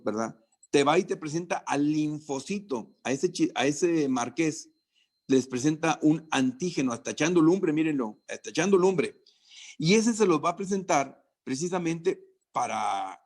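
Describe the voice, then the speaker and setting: A man lecturing nursing students, lively and joking, with theatrical asides and mock threats. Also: fairly high pitch. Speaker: medical lecturer.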